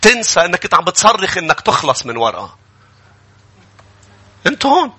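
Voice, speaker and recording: A man with a Lebanese accent, a pastor delivering an animated sermon and acting out grumbling people. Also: high-pitched, a little fast, husky.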